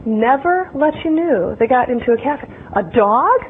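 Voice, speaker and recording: A woman motivational speaker giving a keynote talk to a live audience, animated and playful, talking straight to the crowd. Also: high voice, normal speed. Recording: tinny phone-like recording with faint noise.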